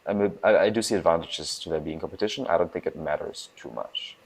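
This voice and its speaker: A young man from Germany, a startup founder giving casual interview answers, talking fast with restarts and emphasis. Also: sits low, husky, low-quality recording. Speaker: guest, food startup founder.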